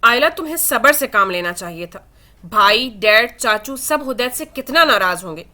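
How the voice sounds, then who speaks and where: A woman voicing Mehr, a caring young woman who gently reasons with her friend, in a read-aloud novel. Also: a little high, lively intonation. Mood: advising.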